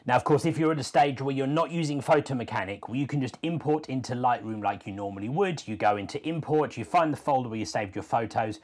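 A man in his forties, a sports photographer, giving a casual step-by-step tutorial from a home studio, relaxed with small fillers. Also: medium pitch, fast talker, few pauses. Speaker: sports photographer teaching workflow. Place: home studio room with brick wall.

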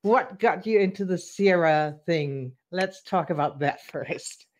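A woman's voice: lowish voice, unhurried, darkish tone. A woman hosting a casual interview over a video call, asking chatty, friendly questions.

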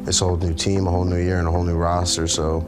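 A man's voice: low voice, completely flat delivery, racing. A man in his twenties, a football player, chatting informally and reflectively indoors. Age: 20s. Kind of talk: casual video-call chat. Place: indoor lounge, seated on sofa. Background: music.

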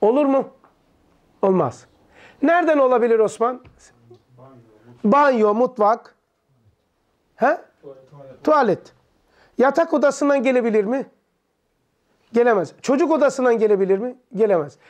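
A man with a fairly high voice teaches a religious text to a small study circle. He fires short questions at his listeners, answers many of them himself, and breaks hard terms down into everyday words. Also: normal speed, pauses often, darkish tone. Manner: explains terms in plain words; leans back in an armchair while teaching.

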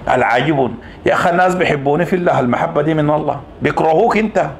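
Fiery high-voiced Sudanese man, echoey room. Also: racing, gravelly, slight background noise. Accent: Sudanese Arabic. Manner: combative, swings from low mutters to shouted taunts. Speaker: political commentator. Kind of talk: impassioned monologue.

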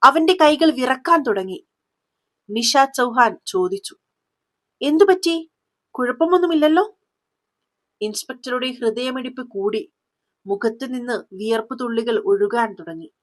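A woman reads a dramatic story aloud in a scripted, steady delivery. Her voice sits fairly high and stays clear and even throughout. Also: a little slow.

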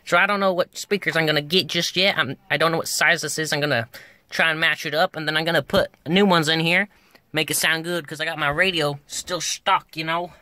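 A man pulls speakers from an old pickup and films it himself, the handheld camera held close, for a casual hands-on tutorial. He speaks a little fast in a fairly high, bright, forceful voice with fairly even intonation, putting on a joking twangy drawl and muttering and grunting as he works in the cab. No room sound is present.

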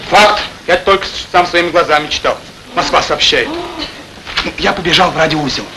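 An earnest young fellow with urgent news in an old film. His voice is fairly high and lively, with clipped phrases over a noisy soundtrack. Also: moderate pace. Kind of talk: vintage film acting.

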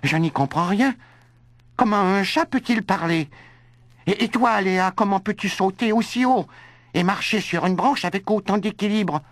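A man's voice: high voice, normal speed, no echo, pitched above the performer's own voice. A sheepish young boy, played by a male storyteller, curious and a little bewildered, in a raised child's register. Recorded close and dry, like a children's record.

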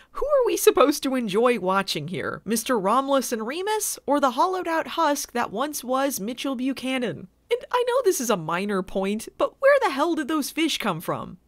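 A woman's voice: high voice, moderate pace, dry recording. Sarcastic woman recapping a show. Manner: sarcastic, deadpan asides. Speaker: video reviewer. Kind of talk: comedic recap narration.

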